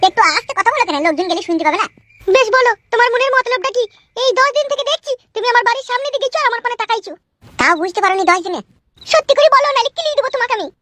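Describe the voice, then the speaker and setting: A woman voicing an angry married village woman, a mother of three, in a comedy cartoon, shrill and foul-mouthed. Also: lively intonation, racing, a bit bright. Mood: indignant.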